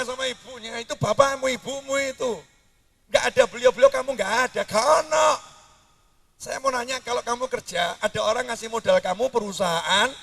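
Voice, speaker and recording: Lively high-voiced preacher. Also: male voice, vocal fry, far from the mic. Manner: animated, jumps between high outbursts and low mutters. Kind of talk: sermon.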